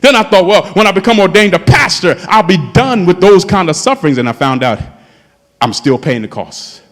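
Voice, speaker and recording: This fifties-aged pastor speaks briskly in a high, slightly bright voice with lively intonation. Preaching with impassioned fervor, he calls out to his congregation. He's in a church sanctuary, and the recording carries long hall reverb.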